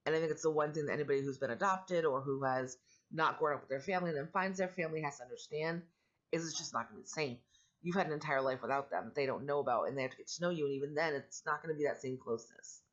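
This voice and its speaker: Middle-aged woman, growly allergy-roughened voice, casual vlog chat, candid and rambling, matter-of-fact, dull lo-fi audio. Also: low voice, very fast. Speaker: vlogger and foster parent. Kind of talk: casual personal vlog talk.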